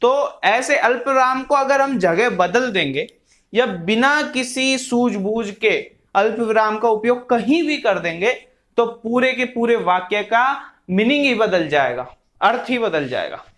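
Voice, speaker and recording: A man's voice: very high voice, lively intonation, a bit bright. A man teaching a grammar lesson, explaining patiently with simple examples and dictating words one at a time as he writes. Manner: slow, dictating words one by one while writing.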